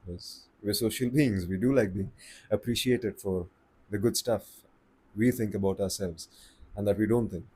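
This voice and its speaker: A man with an Indian accent giving calm, slow-paced advice on speaking to the camera. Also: fairly low pitch, husky. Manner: slow, calm and deliberate, with pauses. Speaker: voice coach. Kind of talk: casual advice talk to camera.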